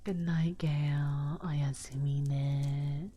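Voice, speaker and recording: A woman streamer whispering softly and breathily in a gentle, cutesy, affectionate way to her viewers on an ASMR livestream. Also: low-pitched, flat delivery, extremely slow. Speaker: VTuber streamer and host. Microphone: close 3Dio binaural microphone. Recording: faint background noise, close binaural mic.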